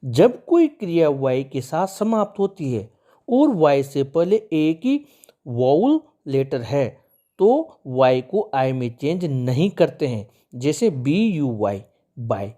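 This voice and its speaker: A male English teacher giving a lesson, his pitch rising and falling in an animated way as he explains. He takes each example step by step, patient and methodical, and now and then calls out to his viewers as friends. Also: slow. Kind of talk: explaining spelling rules.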